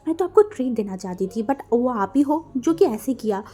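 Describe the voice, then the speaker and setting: A woman's voice: fairly high pitch, normal speed. A woman doing a stammering, flustered young woman. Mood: frustrated. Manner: stammering, excitable, raised voice. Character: flustered, shy young woman, easily embarrassed.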